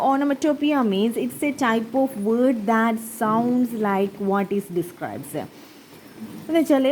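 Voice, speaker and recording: A woman's voice: on the high side, a little mellow, slight background noise, low-quality recording. A woman teacher with a Malayali accent explaining English grammar, switching between English and Malayalam and answering her own questions.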